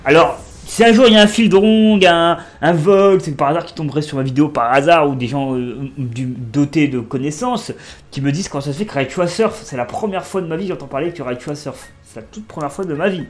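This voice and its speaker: A man in his twenties giving casual, excitable commentary while playing a video game and talking to his viewers. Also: on the high side, quick pace, soft background music. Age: 20s. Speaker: let's play streamer.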